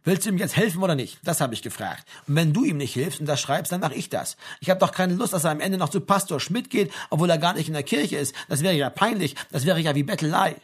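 A woman's voice: deep voice, lively intonation, fast, few pauses, husky. A man doing a stern, scolding mother. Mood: indignant. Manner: indignant, sharp, nagging. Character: stern scolding middle-aged German mother.

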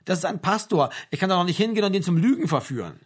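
A man's voice: high-pitched, big pitch swings, very fast, slightly rough, pitched above the performer's own voice, full character voice. A man voicing a cheeky young adult son who coaxes his parents in an audiobook. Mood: coaxing.

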